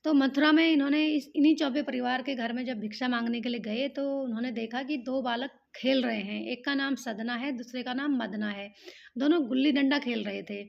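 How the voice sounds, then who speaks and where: High-voiced woman telling a temple legend. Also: creaky. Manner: plain spoken narration with fillers. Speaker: storyteller. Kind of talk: devotional storytelling. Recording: dull lo-fi recording.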